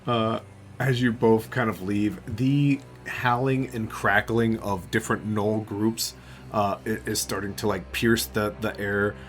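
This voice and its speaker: A man narrating as game master in a tabletop game, relaxed with many filler words. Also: fairly low pitch, measured pace, soft background music. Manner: relaxed, full of ums and uhs.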